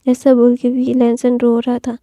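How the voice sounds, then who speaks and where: A woman's voice: fairly high pitch, monotone, a little slow, dark tone, no echo, studio quality. A woman casually retelling a fan fiction story, talking loosely with constant fillers and restarts.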